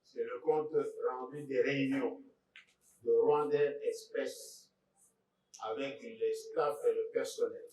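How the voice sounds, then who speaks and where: A man, reading out court exhibits as a lawyer, slow and deliberate with pointed remarks. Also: medium pitch, steady tone, a little mellow. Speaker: court lawyer presenting evidence. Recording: echoey courtroom from far off.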